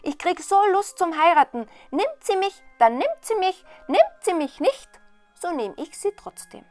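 A woman voicing a foolish, cheerful young peasant lad who shouts with glee. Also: extremely high pitch, a little slow, no room sound, faint music behind, voice pushed up, full character voice. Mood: eager. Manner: excited, shouting gleefully.

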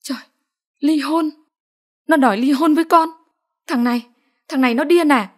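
A woman voicing a flustered elderly village grandmother who scolds in rapid bursts. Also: on the high side, animated, warm tone, slightly rough, pitched above the performer's own voice. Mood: furious. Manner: scolding, frantic, rapid-fire.

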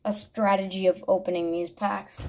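Opening trading card packs on camera, a female vlogger names each card in quick bursts and muses aloud between them in a relaxed commentary. She speaks at a moderate pace with a mid-range, darkish voice that barely moves in pitch, and there is slight background noise.

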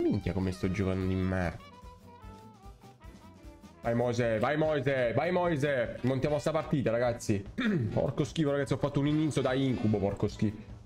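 A young man, giving excitable, swearing live commentary on his own gameplay and shouting at the game. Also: medium pitch, moderate pace, long pauses, soft background music. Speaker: gaming content creator.

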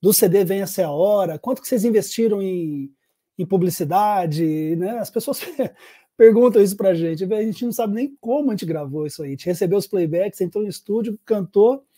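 A man's voice: high voice, expressive, moderate pace, warm tone. A Brazilian man who is a podcast guest, thinking back and recalling events with some hesitation. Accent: Brazilian Portuguese. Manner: reflective, hesitant recollection. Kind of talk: casual conversation.

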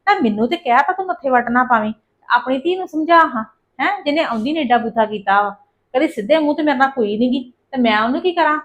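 A woman playing a complaining, sharp-tongued daughter-in-law in a family drama. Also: high voice, expressive, quick pace. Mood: grumbling aside. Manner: complaining, sarcastic, mutters asides.

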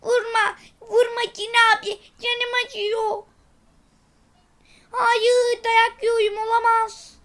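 A woman's voice: very high-pitched, flat delivery, takes it slowly, fairly bright tone, pitched above the performer's own voice, full character voice. A woman voicing a scared little male baby robot that whimpers and pleads in a video game. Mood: pleading.

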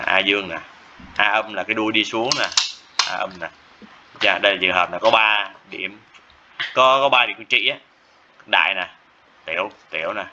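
Male math teacher, low voice, very bright and forceful, dull lo-fi recording with faint hiss. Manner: repetitive, checks in with students often. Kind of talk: classroom lecture.

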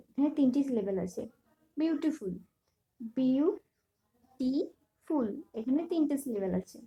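A woman teaching a primary English lesson, spelling each word letter by letter and giving its meaning in a slow, deliberate way. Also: sits high, mellow, poor audio. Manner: spells words letter by letter, then gives meanings. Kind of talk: reading out an English workbook lesson.

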